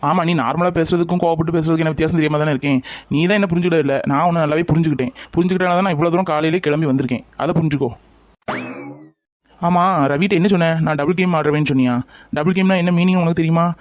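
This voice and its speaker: A man's voice: a little high, fairly even intonation, racing, no echo. A young man in a scripted romantic drama, talking with reproach and coaxing. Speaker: lover in a family skit.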